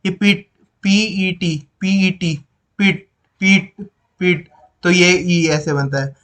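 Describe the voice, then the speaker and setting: A male teacher explaining phonetic symbols from his notes, repeating each sound slowly and going through them one by one. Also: high-pitched, fairly bright tone.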